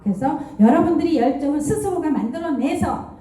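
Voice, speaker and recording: A woman with a high but mellow voice gives a motivational talk at a marketing seminar. She tells stories and keeps asking the audience rhetorical questions. She is picked up from far off in a very echoey lecture hall. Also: a little fast. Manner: animated storytelling with rhetorical questions. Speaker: network marketing distributor giving a talk.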